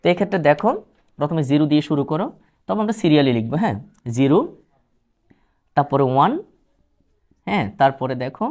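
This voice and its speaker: A man's voice: a little high, animated, fast talker, long pauses, a little mellow. Patient Bangladeshi male math teacher. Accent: Bangladeshi Bengali. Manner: patient, explains step by step, mixes English terms. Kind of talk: classroom math lesson on video.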